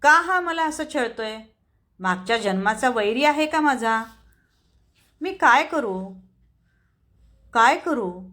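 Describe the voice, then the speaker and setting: A woman's voice: medium pitch, measured pace, close to an everyday voice. A woman reading the part of an anguished young wife, crying out in a pleading, anxious voice. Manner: pleading, anxious inner outcry.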